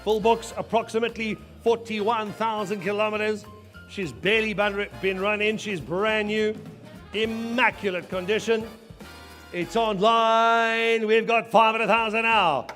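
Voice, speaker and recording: A man's voice: sits high, fairly even intonation, unhurried, a bit bright, soft background music. A man working as an auctioneer, calling bids live in a repetitive chant of numbers and filler phrases.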